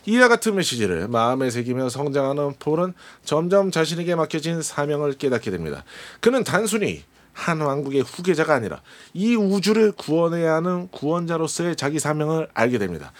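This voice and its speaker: A man presenting and explaining a film in a measured, polite, scripted way to a host. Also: a little high, sing-song.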